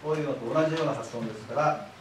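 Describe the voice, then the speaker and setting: A man's voice: medium pitch, very fast. A man giving a public lecture, explaining patiently and having the audience repeat words after him. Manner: patient explanatory, leads audience call-and-response. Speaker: lecturer, library director. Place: echoey lecture hall. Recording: very echoey hall, voice from far off, faint hiss.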